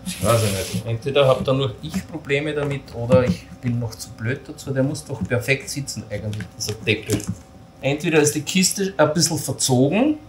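A man's voice: medium pitch, lively intonation, moderate pace. A man casually walking through assembling camping gear step by step, talking while he handles the parts and poking fun at his own mistakes. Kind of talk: hands-on assembly tutorial. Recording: roomy echo with faint noise.

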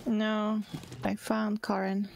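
A woman's voice: mid-range voice, completely flat delivery, takes it slowly, creaky, noisy background. A woman playing a co-op game with her husband, answering in short, laid-back replies. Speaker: co-op player, host's wife. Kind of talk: casual gameplay chat.

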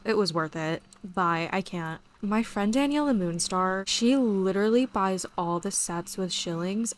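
A young woman who's losing her voice chats excitably while playing a horse game at home, peppering her gameplay commentary with "like" and "literally." She's a gaming YouTuber, and her hoarse voice sits on the low side.

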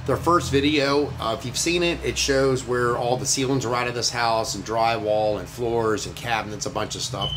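A middle-aged renovation contractor walks through a house under renovation with a handheld phone, chatting casually and upbeat about the work in plain words. His mid-range voice comes with a noisy background and the echo of empty rooms.

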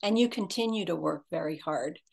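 A woman hosting an interview show over a video call, speaking in a measured, appreciative way. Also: lowish voice, vocal fry, darkish tone. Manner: measured and appreciative, many fillers. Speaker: host.

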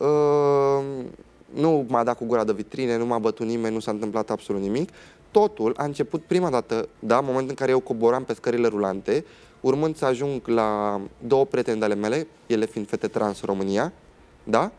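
A man's voice: medium pitch, a little mellow, clear, resonant tone. A young man, a guest on a TV talk show, telling a personal story in a dramatic way and acting out what other people said.

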